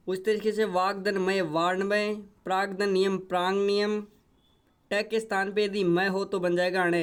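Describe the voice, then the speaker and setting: A man with a high, clear voice teaches a grammar lesson. He speaks slowly and works through each rule step by step, repeating every example. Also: fairly bright tone. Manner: repetitive step-by-step explaining.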